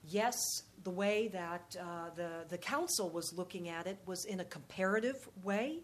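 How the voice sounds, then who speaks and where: A woman giving unscripted answers at a public question session in a halting, measured, diplomatic way. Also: on the low side. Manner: halting, measured, diplomatic, frequent pauses and repeated words. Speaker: panel speaker, policy expert or diplomat.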